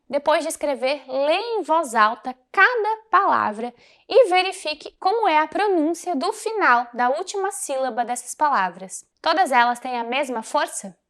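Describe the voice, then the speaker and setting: A woman teacher working through a textbook lesson one exercise at a time, explaining in a clear, patient way. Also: high voice, fairly bright tone. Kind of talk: recorded class walkthrough.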